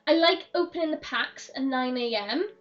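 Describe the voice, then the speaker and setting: A hoarse woman with a fairly high voice rambles happily through a game stream, laughing as she goes. She sits a little back from a dull-sounding mic, with soft game music under her talk. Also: normal speed. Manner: chatty, rambling, laughs often. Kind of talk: casual chat while gaming. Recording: dull, slightly distant mic.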